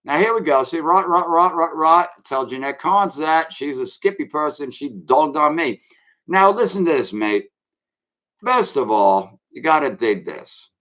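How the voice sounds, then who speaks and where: A somewhat high, expressive, slightly bright male voice moves a little slowly through a loose, rambling rant on his own live-streamed show. He swaggers brashly and refers to the people watching as kids.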